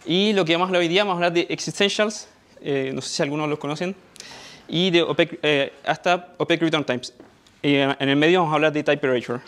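On a darkened auditorium stage, this young conference speaker from Chile talks fast in a fairly high, a bit bright voice with a Chilean Spanish accent. His tech talk is halting, with many fillers and restarts.

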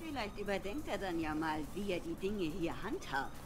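An actress as a dry, resentful hotel maid. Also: female voice, mid-range voice, very animated, normal speed, music in the background, close to an everyday voice. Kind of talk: video game acting, German dub.

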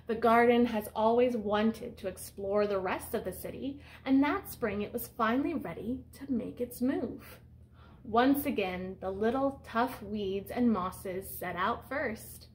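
A woman in her thirties with a slightly high voice reads a picture book a little slowly in a small indoor room, the audio poor and a bit hissy. Teacher-like, she explains things simply and asks young children questions, her phrasing instructive.

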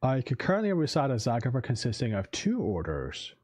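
A man's voice: medium pitch, huge pitch swings, fairly quick, a little mellow, slightly rough. A man streaming a card game, casually commenting and reading the game's text aloud as he muses. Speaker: game streamer and English teacher.

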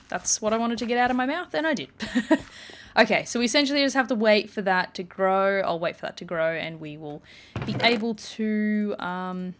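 Woman, gaming channel host, casual chatty play-along, mid-pitched voice, faint keyboard clicks behind. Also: slight background noise. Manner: chatty, rambling, many "like" and "um" fillers. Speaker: gaming YouTuber. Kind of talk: casual let's play commentary.

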